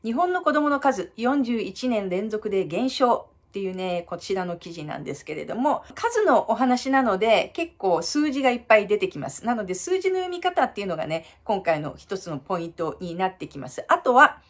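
A woman coaching American English pronunciation, explaining points in a lively way and reading English slowly and carefully. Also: medium pitch. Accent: American English when reading. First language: Japanese. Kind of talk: pronunciation lesson.

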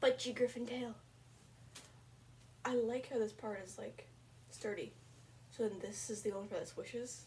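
A woman chatting casually while unboxing, gushing and excitable, and a bit sniffly, swinging between squeals and soft murmurs. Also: fairly high pitch, moderate pace, long pauses, a little hiss or hum. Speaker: vlogger unboxing a fursuit.

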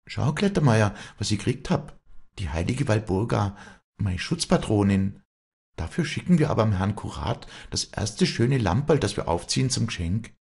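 A man's voice: mid-range voice, sing-song, moderate pace, slightly rough, pitched above the performer's own voice. A man voicing a proud young peasant woman who now runs her farm, speaking firmly in rural dialect. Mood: delighted. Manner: firm, commanding, in rural dialect.

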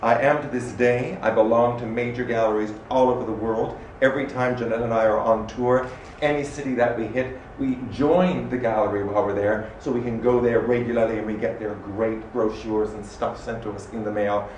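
A middle-aged man from Canada giving an animated, expressive public talk as an arts director in a small room. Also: medium pitch, brisk. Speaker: arts director speaking at a salon. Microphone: standing microphone. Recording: echoey room from far off, faint noise.

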